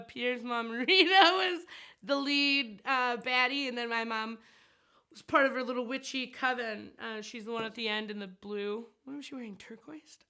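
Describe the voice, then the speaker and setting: A woman's voice: on the high side, pushed and bright. A woman chatting casually about making her film, giggly and rambling with plenty of fillers. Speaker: actress and set designer interviewed about her film. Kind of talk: casual chat.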